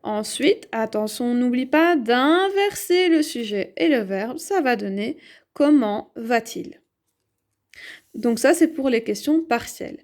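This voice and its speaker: A woman teaching a grammar lesson, explaining slowly and clearly and asking herself questions as she writes. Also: on the high side, animated, darkish tone. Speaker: French teacher.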